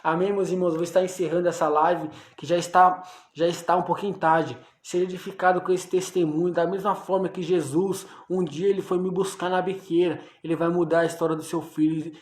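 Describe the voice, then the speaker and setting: A man's voice: high-pitched, level tone, a little fast. A young man from Brazil giving an emotional religious testimony on a livestream, fervent and repeating his address to the listeners again and again. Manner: fervent, repeats "my brothers" constantly. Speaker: testifying former drug dealer, evangelical. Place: room at home. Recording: echoey room.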